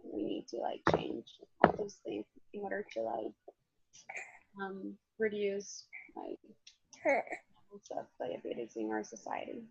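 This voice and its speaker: Brief: young woman, gravelly and hesitant, muffled lo-fi call audio. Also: medium pitch, sing-song, unhurried, darkish tone, no echo. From El Salvador. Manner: hesitant, searching for words. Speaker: student. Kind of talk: casual group discussion. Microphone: video call. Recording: dull lo-fi video call audio.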